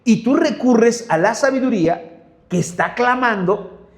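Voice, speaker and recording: A Mexican man preaches a sermon in a fairly high voice, with a Mexican Spanish accent. He drives his points home by stacking rhetorical questions, and his voice rings in an echoey room. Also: expressive, measured pace. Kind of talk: sermon Bible study.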